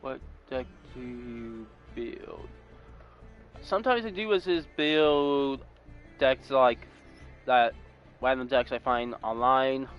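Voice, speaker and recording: A man's voice: medium pitch, slow pace, clean tone, muffled recording, faint music behind. A man in his twenties from California giving casual, rambling gameplay commentary and correcting himself as he goes. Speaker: gaming YouTuber.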